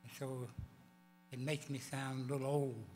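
Growling, hoarse elderly man at a podium. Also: medium pitch, level tone, darkish tone. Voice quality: growling, hoarse voice from vocal cord paralysis. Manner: halting, deliberate delivery with stumbles. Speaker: award recipient giving acceptance speech. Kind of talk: formal acceptance speech. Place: large banquet hall stage. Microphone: podium microphones. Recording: echoey banquet hall PA, electrical hum.

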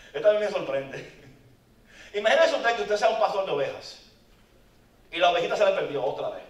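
A man preaching a lively, joking sermon at a men's conference, often calling out to the audience. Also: high voice. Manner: animated, joking, calls out to the audience. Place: conference hall. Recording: echoey hall, mic far off.

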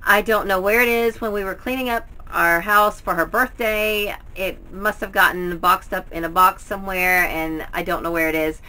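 Standing before bookshelves at home, a middle-aged book haul vlogger talks casually to camera about her books in a chatty review. She has a medium pitch, fairly even intonation, and a moderate pace with hardly any pauses, her tone bright and forceful on a rough recording.

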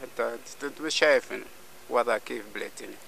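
A middle-aged man with a Libyan Arabic accent speaks in a gravelly, bright voice. His complaints come slow and halting. He was recorded outdoors beside a mud wall on a close camera mic, with faint noise behind him. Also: mid-range voice. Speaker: local resident. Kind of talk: street interview. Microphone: handheld camera at close range.

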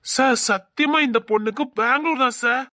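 Woman voicing a deferential assistant, fast and slightly high; audio drama support role. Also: bright, forceful tone. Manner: polite, explaining, addressing her boss.

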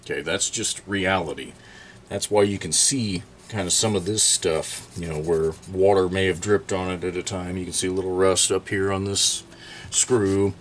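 A middle-aged man who hosts a chainsaw repair channel casually walks through an old tool on his workbench, thinking aloud and bursting out in surprise. It's a relaxed show-and-tell in an indoor repair workshop. His voice is lowish, with slight background noise.

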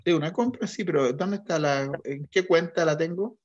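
A male teacher works through an accounting exercise, asking questions and confirming answers in a methodical, patient way. His voice sits slightly high for a man. The recording is dull and lo-fi. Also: normal speed. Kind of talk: online class lecture.

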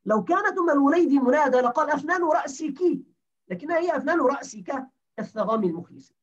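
A man with a very high-pitched voice talks fast and animatedly while teaching a grammar class, explaining step by step and quizzing his students. The recording sounds distant, dull and lo-fi.

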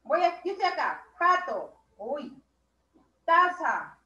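A woman teaches young children over a video call, praising them one by one. Her voice sits high and moves slowly, stretching her words. The sound is roomy and a little dull. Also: very animated. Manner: slow, drawn-out words, warmly praising children. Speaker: primary school teacher. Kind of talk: online class instruction.

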